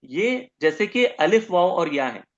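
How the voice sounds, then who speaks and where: A man's voice: sits high, very animated, takes it slowly, muffled recording. A man teaching Arabic grammar in a recorded lecture, explaining patiently and drawing out sounds when he demonstrates them.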